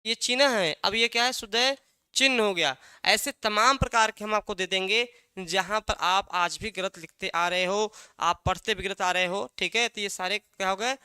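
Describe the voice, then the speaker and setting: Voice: medium pitch, moderate pace, sharp tone, smooth, dry recording, clean studio sound. A teacher giving an exam-prep language lesson, asking a question and then answering it, repeating key words again and again.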